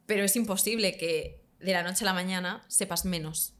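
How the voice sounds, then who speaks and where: A woman's voice: mid-range voice, normal speed. Confident woman teacher. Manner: explanatory, confident, lively emphasis. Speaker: English teacher guest. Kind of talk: conversational interview.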